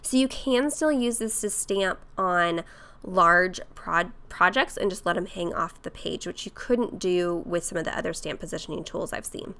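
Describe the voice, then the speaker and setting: A woman with a cold-roughened voice, chatting casually through a craft tutorial voice-over. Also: fairly low pitch, normal speed. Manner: chatty, with fillers and soft laughs. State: hoarse from a cold. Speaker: craft vlogger.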